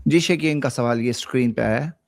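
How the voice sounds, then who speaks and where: Gravelly, brisk host moderating a discussion. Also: male voice, mid-range voice, no room sound, studio quality. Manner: brisk and directive, steering the talk. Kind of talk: moderating a live online discussion.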